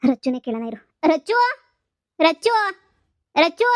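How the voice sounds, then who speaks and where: A woman's voice: high-pitched, steady tone, no echo, studio quality, lightly acted. Woman doing a stern young delivery-guy husband. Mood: puzzled. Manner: scolding, lecturing, fast and insistent. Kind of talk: cartoon comedy voice acting.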